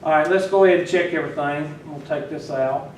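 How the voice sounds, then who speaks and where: A man with a voice on the high side and a fairly quick delivery gives a classroom lecture, teasing his students and talking with them as he works. He is far from the mic, and the recording is of an echoey classroom from far off, with faint noise.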